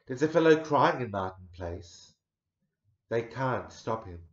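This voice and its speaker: A man in his forties giving a dramatic poetry recital, measured, swelling loud and sinking to a near hush. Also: medium pitch, animated. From Australia. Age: 40s. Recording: roomy echo, dull lo-fi sound.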